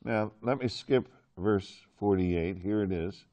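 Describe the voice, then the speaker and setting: A man's voice: on the low side, slow pace, dark tone. A male Bible teacher talks his class through a passage in an easy, chatty way. He jokes with the students and keeps pulling answers out of them. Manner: chatty, joking with the class, asks questions.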